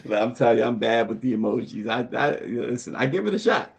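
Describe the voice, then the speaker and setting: A man co-hosting a casual talk show in a relaxed way, chuckling as he reads out viewer comments. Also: mid-range voice, quick pace, vocal fry. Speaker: co-host. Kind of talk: casual chat.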